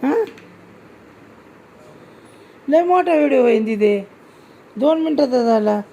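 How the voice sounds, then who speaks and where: A woman's voice: sits high, lively intonation, slow, mellow, lo-fi sound. Teasing mother, lightly raised voice. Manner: teasing, coaxing, laughing often. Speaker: vlogger filming her daughter. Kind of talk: casual family chat.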